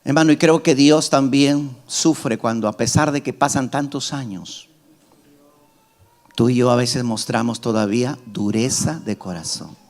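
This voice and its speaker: A middle-aged man preaching a sermon as pastor, emphatic, rising to loud climaxes and dropping to soft asides. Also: mid-range voice, measured pace.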